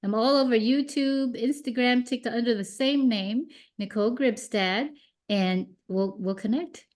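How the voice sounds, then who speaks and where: A woman's voice: fairly high pitch, measured pace, a little mellow. A woman in her fifties, a mindset coach guest on a podcast, talking animatedly and acting out her own thoughts in quotes, sometimes repeating words as she restarts. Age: 50s. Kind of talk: podcast interview.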